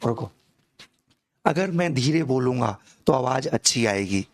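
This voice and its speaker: A man, hoarse from a throat infection, teaching a live online chemistry class slowly and coaxingly, calling students "beta". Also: mid-range voice, expressive. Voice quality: gravelly, echoing double voice. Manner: slow, coaxing, calls students "beta", laughs at himself.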